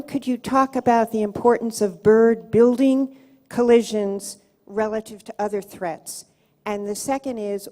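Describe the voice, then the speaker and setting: Woman, audience question, brisk, direct, middle pitch. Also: darkish tone. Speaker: audience member asking a question. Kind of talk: lecture Q&A question.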